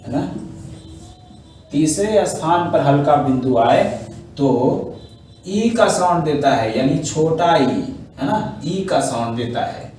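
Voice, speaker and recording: Slow, patient shorthand teacher, echoey room. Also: male voice, fairly high pitch, lively intonation, darkish tone. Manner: patient, explains step by step with frequent check-ins. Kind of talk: online class lesson. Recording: echoey room, mic far off.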